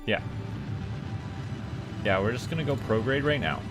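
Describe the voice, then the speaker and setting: Music runs behind a male livestream host as he plays a space simulation game and chats casually with viewers about the gameplay. He has a Canadian accent and a mid-range voice, and he sounds animated at a moderate pace.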